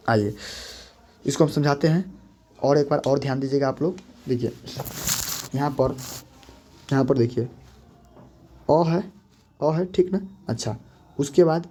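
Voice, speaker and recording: A man's voice: medium pitch, mellow. A man teaching a grammar lesson, repeating steps and quizzing the listener as he goes. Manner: repetitive, coaxing, quizzes the listener. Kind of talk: board-explaining grammar lesson.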